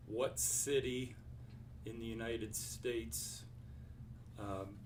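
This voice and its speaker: An older man from Ohio, a basketball coach answering interview questions in a halting way, with many fillers and restarts. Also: medium pitch, fairly even intonation, background noise. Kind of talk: casual interview.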